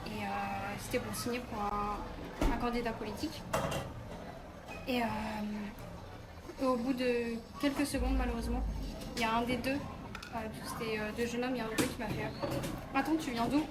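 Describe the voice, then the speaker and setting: Young woman from France, student vlogger, slightly high, casual and hesitant. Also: fairly even intonation, normal speed, long pauses, very noisy. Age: young adult. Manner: chatty, hesitant with many fillers. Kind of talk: casual vlog chat to viewers.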